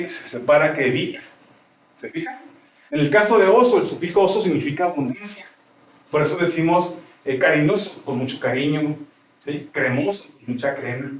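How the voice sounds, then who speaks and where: A male teacher explaining grammar in a classroom, often checking with his students as he goes. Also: on the high side. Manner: explanatory, asks frequent checking questions. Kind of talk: classroom lecture. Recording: roomy classroom, mic far off.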